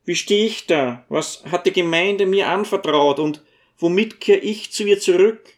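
A man's voice: sits high, measured pace, voice pushed up. A man reading an audiobook and voicing a timid, shrewd little dwarf with an anxious, imploring manner. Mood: anxious, pleading.

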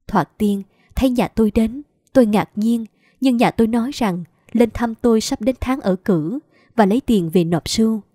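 A woman's voice: mid-range voice, dark tone, no room sound, clean studio sound. A woman narrating a story in the first person, in a plaintive, lamenting way. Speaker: audiobook narrator.

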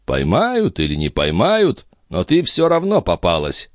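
A man's voice: low voice, wildly swooping pitch, a little slow, dry recording, clean studio sound, full character voice. A man voicing a worldly old duke who speaks with teasing, condescending irony. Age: older. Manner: ironic, condescending.

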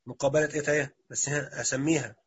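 A man's voice: medium pitch, fairly even intonation, racing, breathy edge, dull audio. A man with an Egyptian Arabic accent teaching Arabic grammar in a classroom lecture, quizzing students and repeating their answers.

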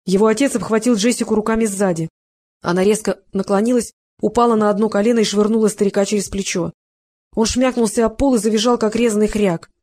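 Narrator: mid-pitched, measured, scripted audiobook reading. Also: fairly even intonation, a little mellow.

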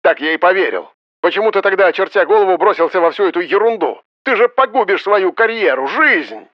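A man playing a proud middle-aged father in a fury, his voice pushed high and cracking as he scolds. The sound is slightly dulled. He is a stern storybook figure. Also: expressive, a little fast, no echo, muffled recording. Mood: outraged. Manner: shrill, breaking with anger.

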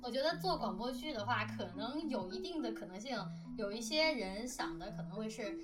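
A radio drama director and discussion host chats casually about making audio dramas in a fairly high, animated voice at a brisk pace. She rambles a bit and is self-deprecating about her work. Her mic sounds slightly distant, with music playing behind.

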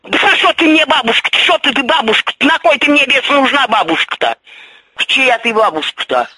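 Old woman, grandmother, scolding, mocking, very high voice, husky. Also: lively intonation, moderate pace, sharp tone, rough recording. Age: older. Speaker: grandmother on the phone. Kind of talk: scolding phone rant.

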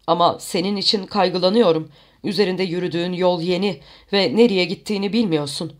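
An audiobook narrator reading the lines of a cautious, worried older brother in a measured, warning tone. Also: mid-range voice, lightly acted. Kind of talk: audiobook character voice.

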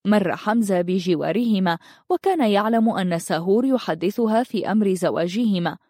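Woman reading an audiobook story, warm mellow voice, dry close sound. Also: mid-range voice, no room sound. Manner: steady, measured reading. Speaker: narrator.

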